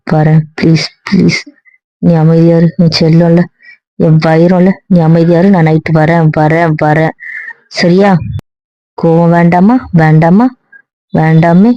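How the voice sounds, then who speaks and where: A young woman pleads and coaxes in a mid-pitched voice, repeating her words. The audio is dull and lo-fi with a dry, close sound. She plays the wife in a comic skit. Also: level tone, a little slow, dry recording. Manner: pleading, coaxing, repeats herself.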